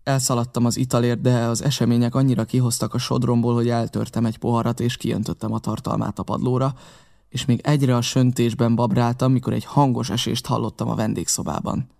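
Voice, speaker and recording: Gravelly man reading a novel. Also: medium pitch, level tone, a little mellow. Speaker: audiobook reader.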